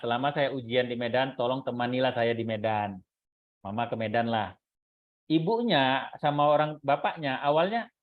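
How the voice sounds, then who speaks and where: A middle-aged man giving an animated seminar talk to parents, explaining with fillers and little acted quotes. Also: medium pitch. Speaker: parenting speaker and test consultant. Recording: phone-like narrow band.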